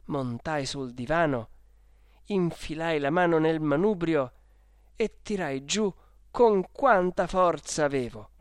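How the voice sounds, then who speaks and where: An audiobook narrator telling a first-person story in a lively way. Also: mid-range voice, slow.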